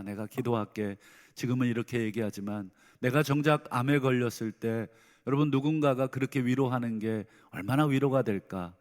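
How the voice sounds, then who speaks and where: Earnest middle-aged male pastor preaching. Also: mid-range voice. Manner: earnest, swings between soft pleading and loud emphatic bursts. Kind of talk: sermon. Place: church sanctuary. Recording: reverberant church hall.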